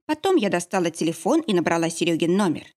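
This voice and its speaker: Expressive woman narrator for a first-person thriller audiobook, lively pitch. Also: fast.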